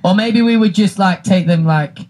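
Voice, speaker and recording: A man's voice: sits high, moderate pace, darkish tone. A young British man, a band member guest, rambling and laughing through answers. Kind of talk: casual interview chat.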